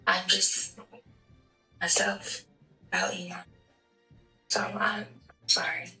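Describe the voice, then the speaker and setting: A woman speaking in character during a game roleplay, emotional and apologetic, halting and restarting as she talks. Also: on the low side, steady tone, sharp tone, reverberant, recorded from a distance, faint music behind, low-quality recording. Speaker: roleplay gamer.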